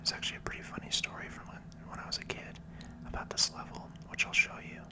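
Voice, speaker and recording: A soft, breathy whisper with a creaky texture talks through a video game session right up against the mic. The ASMR commentary is slow, gentle and conversational.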